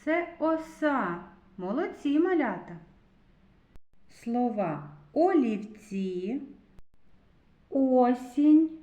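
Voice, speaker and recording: A woman's voice: a little high, warm tone. A woman kindergarten teacher giving a literacy lesson to preschoolers, spelling out sounds carefully and praising the children. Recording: echoey, slightly dull recording.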